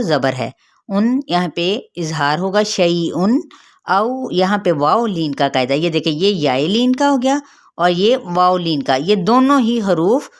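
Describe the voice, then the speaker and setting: Woman teaching Quran recitation rules, low voice. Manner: explains step by step, checks with "theek hai?"; slow drawn-out chanting of verses. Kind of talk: tajweed lesson.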